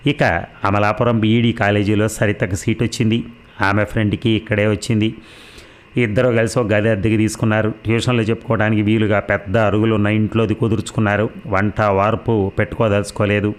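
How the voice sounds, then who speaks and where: Low-voiced male storyteller. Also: flat delivery, brisk. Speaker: narrator. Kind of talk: audiobook story narration.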